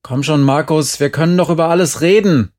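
A man reading a story aloud and voicing an easygoing adult who calmly coaxes two children. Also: mid-range voice, unhurried, vocal fry. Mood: coaxing. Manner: calm, coaxing.

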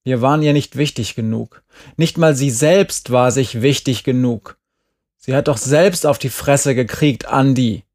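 A man reading an audiobook and voicing a blunt, bitter teenage girl who talks in a flat, cutting way. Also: medium pitch, a little slow.

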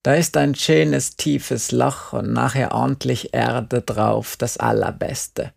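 A man voicing a stubborn, weary old farmer in an audiobook, speaking in a slow, drawn-out grumble. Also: mid-range voice, creaky, heavily acted. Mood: matter-of-fact. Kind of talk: audiobook character voice.

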